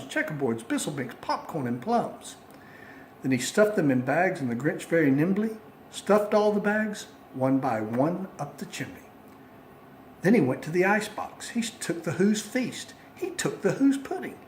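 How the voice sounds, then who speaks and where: A man's voice: fairly high pitch, echoey room, slight background noise. A man reciting a rhyming children's story from memory in a theatrical, sing-song way, on an amateur phone recording.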